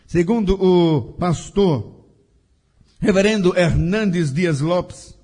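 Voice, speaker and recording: A man preaching a sermon in a slow, emphatic style with a sing-song cadence. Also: sits high.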